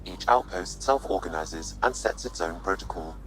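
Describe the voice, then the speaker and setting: Flat, precise AI. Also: male voice, low voice, moderate pace, soft background music, poor audio. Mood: detached. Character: calm male AI system inside a soldier's head.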